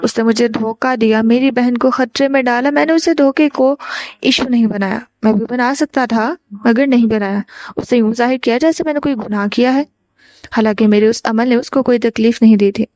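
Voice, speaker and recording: A woman's voice: a little high, darkish tone, no echo, natural voice. A woman voicing a bitter, defensive grown man in a spoken novel reading, talking indignantly.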